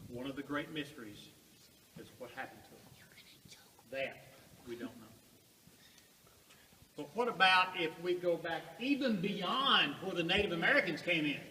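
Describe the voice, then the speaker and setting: A man guiding a tour group inside a cave, his voice echoing as he projects to them with emphatic pauses and rhetorical questions. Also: on the high side, animated, sharp tone. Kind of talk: guided tour talk to a group. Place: large underground cave. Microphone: distant camera among the tour group. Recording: echoing cave, distant mic, faint noise.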